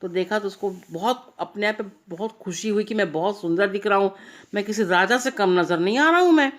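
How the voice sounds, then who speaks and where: A woman with a medium-pitched voice reads a bedtime story aloud to a child at a brisk pace. Her delivery is informal and rambling, and now and then she speaks to the child directly.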